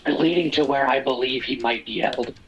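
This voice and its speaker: A man's voice: medium pitch, normal speed, a bit bright, a little hiss or hum, poor audio. A man talking casually as a player in a tabletop role-playing game.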